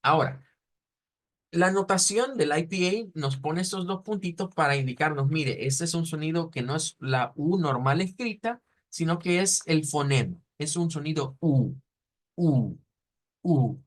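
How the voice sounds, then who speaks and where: Man, language teacher, slow repetitions, a bit high-pitched. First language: Spanish. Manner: patient, explanatory, repeats sounds slowly to model pronunciation. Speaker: German teacher. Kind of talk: online language lesson.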